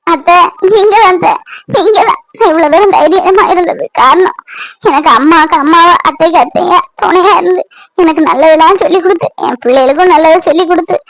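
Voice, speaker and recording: Woman doing a weepy, grateful middle-aged cartoon mom, high voice, dry. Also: a little fast, fairly bright tone, dry recording, rough recording. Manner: tearful, grateful. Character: grateful middle-aged widowed mother, emotional. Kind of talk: Tamil cartoon voice acting.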